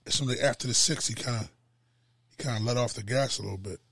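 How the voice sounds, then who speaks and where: A man's voice: medium pitch, fast talker, gravelly, a bit bright, husky, dry recording, clean studio sound. A man co-hosting a podcast, joking loosely and swearing freely about boxing. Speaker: podcast co-host. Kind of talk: casual boxing chat.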